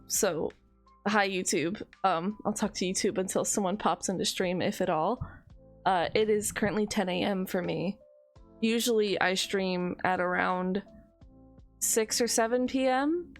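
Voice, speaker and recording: A woman streamer chatting casually to her viewers, rambling with frequent laughs and a tired edge. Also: mid-range voice.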